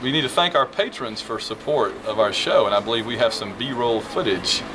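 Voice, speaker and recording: A man's voice: mid-range voice, normal speed. A man co-hosting a football show, playful and jokey. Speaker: football podcast co-host. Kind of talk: casual sports banter. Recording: live show with crowd behind. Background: crowd noise.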